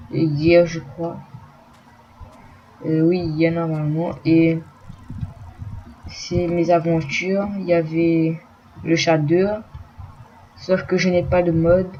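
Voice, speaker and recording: Guy doing game commentary, slow and mellow, kinda muffled lo-fi mic w/ a bit of hiss. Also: on the high side. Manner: talks softly and slowly, swears when startled. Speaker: gameplay commentator. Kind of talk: let's play commentary. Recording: dull lo-fi recording with faint noise.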